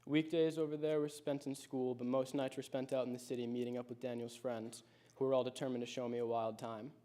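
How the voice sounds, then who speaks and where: Delivering a prepared personal speech, a late-teen high school senior tells his story in a reflective, measured way. His tone is warm, though the delivery is flat.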